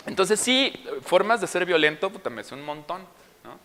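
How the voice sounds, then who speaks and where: A young father with a Mexican Spanish accent tells a story at a parents' school session, acting out each scene with animation. His voice sits high and moves at a moderate pace.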